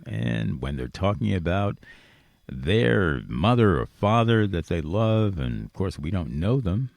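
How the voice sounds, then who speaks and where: Low-pitched, slightly mellow and marked by vocal fry, a radio host speaks unhurriedly yet very animatedly in a dry recording with no room sound. He's earnest and conversational, repeating himself for emphasis as his interview becomes a rambling, positive monologue.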